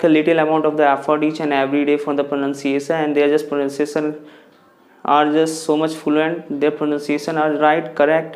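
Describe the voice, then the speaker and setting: A young man talks through a casual pronunciation lesson in a rather high, flat voice. He repeats example words slowly and often breaks off to restart his sentences. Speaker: English tutor.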